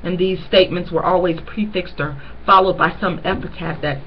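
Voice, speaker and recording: A woman with a fairly low, steady voice reads a novel aloud chapter by chapter, and the audio sounds dull. Every so often she pauses to earnestly point out key lines to her listeners, mixing the reading with her own commentary.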